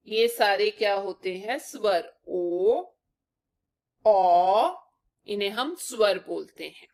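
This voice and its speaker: A young woman teaching young children to write letters, explaining each step patiently and asking them questions. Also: mid-range voice. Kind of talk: children's Hindi lesson.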